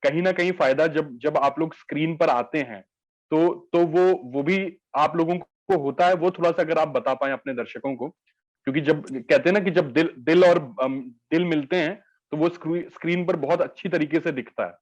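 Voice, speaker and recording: A man's voice: a little high, moderate pace, muffled recording. A man hosting an entertainment interview, asking formal, flowery questions with many "uh" fillers.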